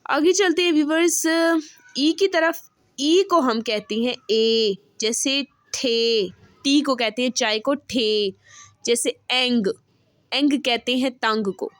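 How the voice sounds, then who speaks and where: A woman teaching an online language lesson, repeating each example word slowly and checking in with her viewers again and again. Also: sits high, no echo. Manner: repeats words slowly and says "ठीक है" often.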